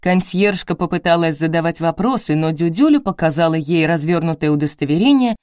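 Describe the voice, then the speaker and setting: A woman narrating an audiobook in the first person with brisk, ironic storytelling. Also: fairly low pitch, lively intonation, a little mellow, no echo, studio quality.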